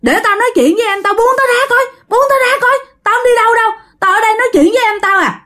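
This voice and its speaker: A woman voicing a frantic, possessed young man who shouts and pleads. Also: very high-pitched, lively intonation, fast talker, pitched above the performer's own voice, heavily acted.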